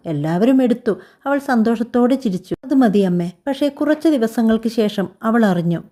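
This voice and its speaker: Female storyteller, very dark mellow tone, calm even scripted narration. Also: medium pitch. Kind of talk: scripted narration of a family drama.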